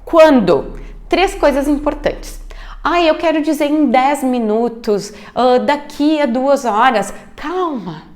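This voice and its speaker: A Brazilian woman teaching English grammar in Portuguese, checking in often with "ok" and "alright" and slowly modeling English words. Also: high-pitched. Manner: lively, frequent English check-ins like ok and alright; drawn-out, slowed model pronunciations. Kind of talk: grammar lesson video.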